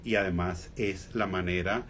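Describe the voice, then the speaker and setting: A man with a Venezuelan accent, a humorist guest in a radio interview, talking reflectively with many fillers and pauses. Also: low voice, steady tone, fairly bright tone, slight background noise.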